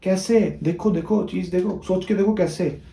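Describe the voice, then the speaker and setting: A man's voice: sits high, normal speed, creaky, dark tone, a little hiss or hum. A young man from India teaching math in a casual, chatty way, often checking in with his students. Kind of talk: casual classroom lecture. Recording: echoey room.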